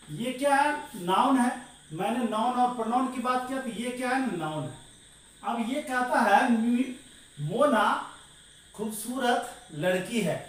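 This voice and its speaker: A man teaching English grammar to a class. He asks questions and then answers them himself, and he keeps calling his listeners "dear". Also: very high-pitched. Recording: very echoey room, voice far from the mic, faint noise.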